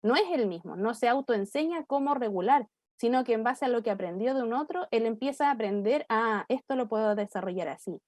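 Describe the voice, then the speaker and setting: A Chilean woman with a fairly high voice explains how children learn to calm themselves. She speaks as a professional guest on a church talk program and now and then takes on a child's pleading words. The sound is close and dry. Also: fairly quick, few pauses, no echo. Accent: Chilean Spanish. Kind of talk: church talk show discussion.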